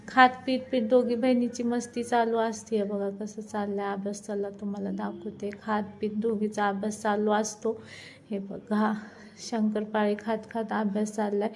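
A woman's voice: fairly high pitch, creaky, a little mellow, slight background noise. A woman, chatting casually through a home cooking vlog in her kitchen and showing viewers each step. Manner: chatty, shows things to viewers as she cooks. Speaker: vlogger.

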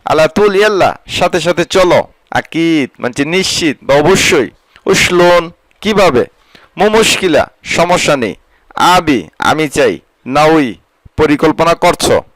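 A man giving a vocabulary lesson, saying each word and then its meaning, often repeating phrases slowly. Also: fairly high pitch, expressive, a bit bright, no echo, poor audio. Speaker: language teacher.

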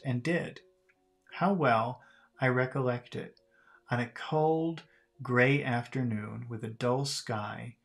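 A man's voice: mid-range voice, fairly bright tone. Man reading a novel aloud. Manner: careful reading with slips and self-corrections. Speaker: audiobook reader for learners. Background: faint music.

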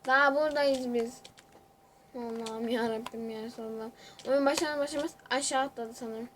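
Excitable young woman commenting on a game. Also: a little high, normal speed, a little hiss or hum. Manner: excitable, chatty, talks to viewers while playing. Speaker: gamer. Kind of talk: casual gaming commentary.

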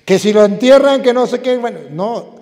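High-voiced preaching priest, big echo. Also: male voice, normal speed, darkish tone. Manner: dramatic storytelling, voices the people in his story. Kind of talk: sermon with acted-out story.

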